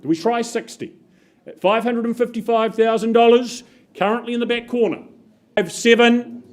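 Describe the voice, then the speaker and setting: A New man working as an auctioneer, calling bids in brisk, upbeat patter, his voice a little muffled by a face mask. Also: very high voice, steady tone. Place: auction room.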